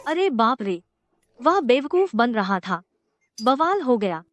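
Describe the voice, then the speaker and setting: An actress playing a sharp-tongued, money-minded young wife in a dubbed drama, brash and mocking. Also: female voice, fairly high pitch, very animated, slow pace, soft background music. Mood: exasperated. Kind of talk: Hindi drama dub.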